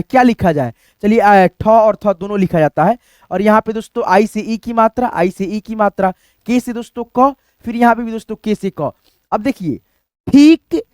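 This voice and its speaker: A man's voice: very high voice, no room sound. A man teaching a spelling lesson, explaining step by step, repeating each letter and calling viewers his friends. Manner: steady explaining, constantly addresses viewers as friends. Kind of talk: screen-based spelling lesson.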